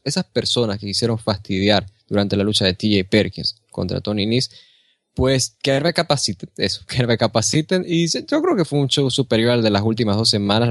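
A man with a mid-pitched voice talks chattily on a podcast, joking and turning to speak to the listeners. The recording is dry and close-miked. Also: no echo. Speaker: podcast co-host. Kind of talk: casual wrestling podcast chat.

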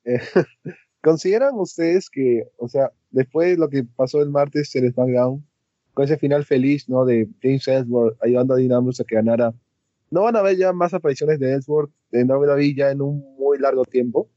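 A male podcast host putting slow, halting questions to his panel. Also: medium pitch, warm tone, dry recording, muffled recording.

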